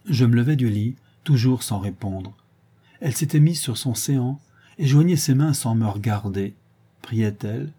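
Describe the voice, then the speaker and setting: A man with a husky, mid-range voice narrates a classic novel as an audiobook, reading in a measured, expressive way.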